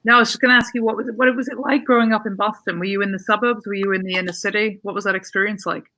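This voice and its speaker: Upbeat female live-stream host, bright voice, chatty and easygoing. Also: medium pitch, fairly even intonation, rapid-fire. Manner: upbeat, chatty, handling tech hiccups on the fly. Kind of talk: casual live-stream chat.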